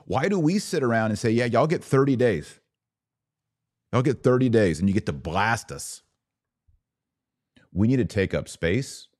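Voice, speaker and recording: A man in a mid-range, slightly mellow voice hosts a podcast, talking expressively and a bit slowly with long pauses. His political monologue is impassioned and rhetorical, using repetition for emphasis.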